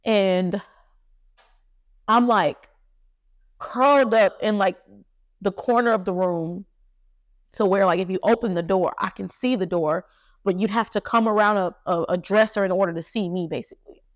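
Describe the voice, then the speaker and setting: A young woman tells a painful personal story on her podcast, her voice sitting at an ordinary middle pitch. She speaks haltingly, with fillers and restarts, the sound dry and close with no room around it. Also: no room sound. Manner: halting, emotional retelling with many fillers. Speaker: podcast host.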